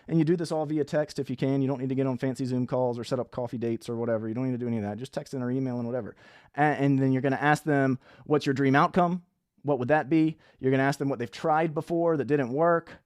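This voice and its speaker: A man's voice: medium pitch, fairly even intonation, fast, darkish tone, dry recording, studio quality. Blunt, chatty male business coach. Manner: blunt, conversational, acts out sample dialogues. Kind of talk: direct-to-camera coaching talk.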